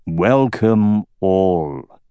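A man voicing an evil king with a deep, rich voice, speaking in a slow, stately and ceremonious way. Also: animated, warm tone, smooth, no room sound, highs cut off, full character voice. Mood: gloating. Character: evil king, male, adult, commanding and silky.

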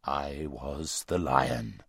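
A man reading aloud and voicing a huge male lion that speaks slowly, gravely and gently. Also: very deep voice, no room sound, clean studio sound, pitched below the performer's own voice, exaggerated voice. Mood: solemn. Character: huge, calm, deep-voiced male lion.

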